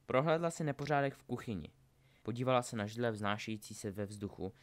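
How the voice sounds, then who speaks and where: A man narrating a storybook aloud in an expressive reading style. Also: mid-range voice. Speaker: audiobook narrator.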